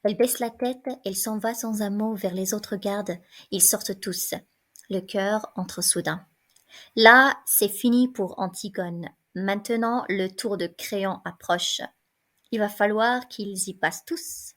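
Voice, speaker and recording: A woman reads the stage directions of a play in an even, measured voice. Her delivery is plain and steady, meant for listeners following along with the text. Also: mid-range voice. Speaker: reader. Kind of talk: scripted reading of a play.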